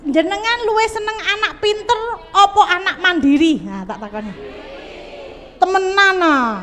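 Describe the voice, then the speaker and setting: A high-pitched woman talks to parents and teachers in a seminar. She is animated and keeps turning to the audience. Her voice carries a long hall reverb. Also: moderate pace. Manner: animated, mixes in local dialect, addresses audience directly. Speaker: psychologist speaker at a school seminar.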